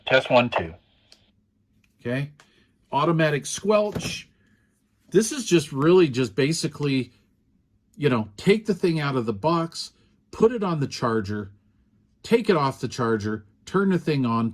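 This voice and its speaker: At an ordinary middle pitch, a radio product reviewer walks through a casual hands-on demo at a relaxed, unhurried pace, drifting between points. He's easygoing and rambling, with frequent ums and uhs, like an everyday home video review.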